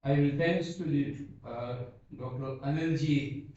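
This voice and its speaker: A man whose first language is Bhoti gives an unscripted talk in a seminar hall, speaking slowly and earnestly while halting to search for words. His voice is mid-range and mellow, picked up by a distant, dull mic in an echoey hall.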